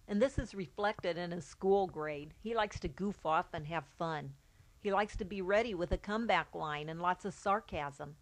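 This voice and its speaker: A middle-aged woman reads her own account aloud, a mother speaking plainly and evenly. Her pitch sits in the ordinary middle range for a woman, and she keeps a calm, matter-of-fact delivery. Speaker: mother of a child with albinism. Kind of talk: read-aloud personal account.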